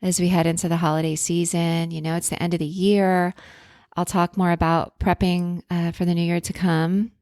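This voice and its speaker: A woman's voice: fairly low pitch, level tone, moderate pace, darkish tone, dry recording, clean studio sound. A woman hosting a podcast in a self-help influencer style, speaking casually and earnestly with spiritual encouragement and affirmations.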